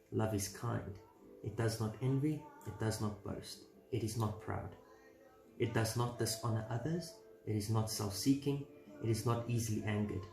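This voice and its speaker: A man's voice: on the low side, gravelly, echoey room, rough recording. A man giving a casual devotional talk, conversational and earnest, posing rhetorical questions to his listeners.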